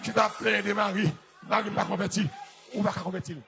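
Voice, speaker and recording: A Haitian-accented male pastor shouts his sermon in a high, gravelly voice. He chants and half-sings repeated lines in call-and-response fashion. Loud live music and a congregation fill the church recording around him. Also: level tone, normal speed, crowd noise. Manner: chanting, half-singing refrains. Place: church service.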